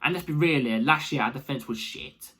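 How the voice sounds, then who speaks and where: A man giving casual, animated opinion commentary as the host of a football fan channel, rambling and repeating himself for emphasis. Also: mid-range voice, a little fast, breathy edge.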